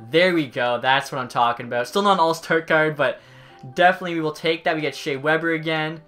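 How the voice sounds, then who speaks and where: A man's voice: fairly high pitch, fast talker, a bit bright, soft background music. A young man giving casual, chatty video game commentary, reacting informally as he goes. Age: young adult. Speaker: video game streamer opening card packs. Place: indoor room at home, webcam.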